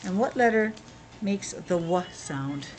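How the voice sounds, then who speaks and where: A preschool teacher with a lowish, darkish voice speaks slowly but with lively intonation, leading an interactive lesson for young children. She's playful and exclamatory, asking questions and sounding out words, over faint music on poor audio.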